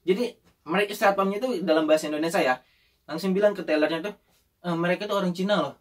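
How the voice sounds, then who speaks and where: A young man telling an animated story in casual chat and acting out the voices of the people in it. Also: sits high, fast talker, recorded from a distance.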